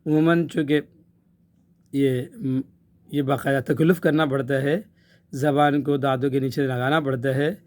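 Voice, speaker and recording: A man's voice: a little high, a little mellow. Man drilling Tajweed syllables patiently. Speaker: Quran recitation teacher.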